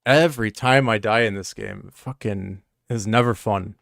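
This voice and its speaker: A man streaming a game live, commenting excitably, swearing and talking to his chat. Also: lowish voice, moderate pace, vocal fry, no echo, clean studio sound. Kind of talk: live let's-play commentary.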